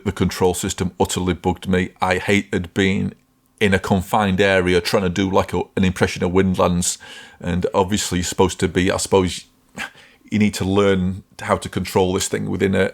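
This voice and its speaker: A man with a low, gravelly voice chats casually on a podcast. He rambles and stops to correct himself, but lands his points with emphasis. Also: monotone, moderate pace. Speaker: podcast co-host.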